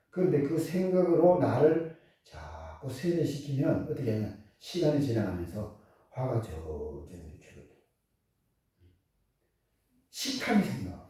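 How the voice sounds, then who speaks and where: A man preaching a sermon, animated, asking rhetorical questions and laughing often. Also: fairly high pitch. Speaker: pastor. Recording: echoey hall, far from the mic.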